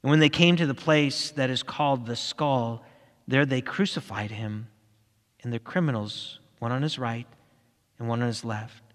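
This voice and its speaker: Brief: male scripture reader, mid-pitched, earnest and steady, long hall echo. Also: moderate pace. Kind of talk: reading scripture aloud.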